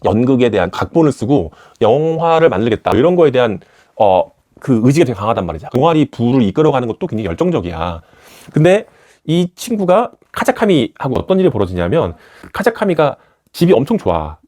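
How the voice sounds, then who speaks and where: Fast, animated man retelling a manga. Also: medium pitch. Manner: retells scenes and acts out characters' lines with a shifting voice. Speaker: manga commentator. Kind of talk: animated storytelling commentary.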